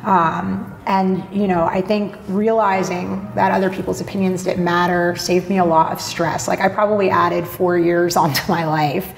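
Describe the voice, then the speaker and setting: Speaking at a moderate pace with few pauses, this woman has a fairly low, creaky voice and a flat delivery. She's a marketing blogger appearing as a podcast guest, talking openly and bluntly, with plenty of fillers and occasional swearing. Her recording is roomy and echoey, with a little background noise.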